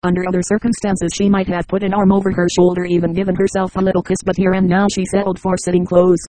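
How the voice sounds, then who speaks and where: Brief: steady audiobook narrator, flat and dry. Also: medium pitch, quick pace, no echo, low-quality recording. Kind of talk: scripted narration.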